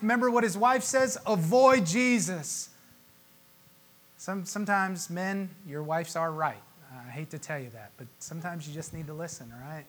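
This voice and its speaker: A male pastor preaching a Christmas sermon, emotional, with dramatic pauses and swelling emphasis. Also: sits high, bright, forceful tone.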